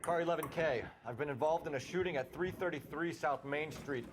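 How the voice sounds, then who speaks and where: Male actor, 1940s police detective, brisk, commanding, crime game dialogue, higher-set voice, noisy background. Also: natural voice. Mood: official. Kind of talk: period crime game acting.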